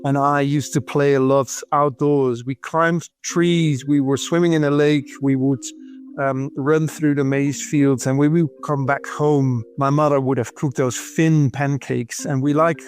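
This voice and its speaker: A man from the Netherlands, a podcast guest recalling things in a thoughtful, measured way. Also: mid-range voice, fairly even intonation, faint music behind.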